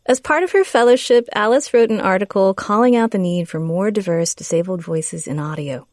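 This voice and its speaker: A woman reading scripted narration in the measured manner of a public radio host. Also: medium pitch, a little mellow, no room sound, studio quality.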